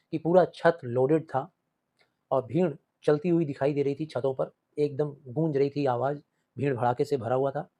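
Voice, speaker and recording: A male teacher with an Indian English accent reads poem lines slowly, then explains them in a mix of Hindi and English, often repeating and rephrasing. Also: a little high, mellow. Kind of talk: line-by-line poem explanation lesson.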